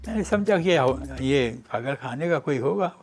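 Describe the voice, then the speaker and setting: A man's voice: on the high side, animated, faint music behind. A man hosting a radio show, telling funny anecdotes in a chatty, joking way and acting out the quotes. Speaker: radio host. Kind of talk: humorous radio storytelling.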